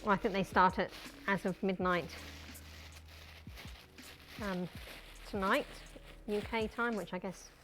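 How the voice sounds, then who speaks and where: A woman's voice: mid-range voice, fairly even intonation, slow, long pauses, a bit bright, rough recording. A woman with a broad New Zealand accent chatting casually and colloquially as she hosts a cooking livestream, in a jokey way. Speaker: livestream host.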